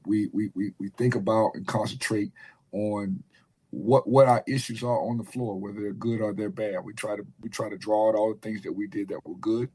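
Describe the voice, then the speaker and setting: A man coaching college basketball, speaking in a measured way in an interview, slightly hoarse from losing his voice. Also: fairly low pitch, a little mellow. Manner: measured, repeats words while thinking. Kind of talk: radio interview.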